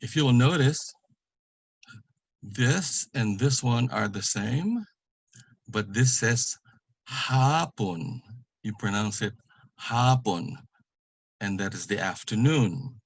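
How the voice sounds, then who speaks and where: A man giving an online language lesson, speaking slowly and carefully and repeating each example word for pronunciation. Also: lowish voice, lively intonation, breathy edge, no room sound. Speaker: language teacher.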